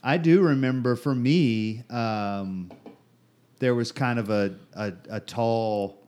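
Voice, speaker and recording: A man hosting a relaxed movie chat, easygoing, often laughing and putting questions to his guests. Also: mid-range voice, takes it slowly. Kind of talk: casual chat about a movie.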